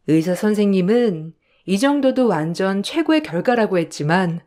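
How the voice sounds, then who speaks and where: A woman tells a first-person story as a radio-style narration, speaking reflectively and from the heart. Her pitch moves widely and expressively as she reads. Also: a little mellow.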